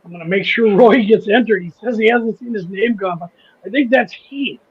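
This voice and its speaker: On his model railroad channel's livestream, a Midwestern-accented man rambles through a casual chat, restarting sentences and laughing easily. His voice is high, slightly rough and a little fast, and the audio has its highs cut off.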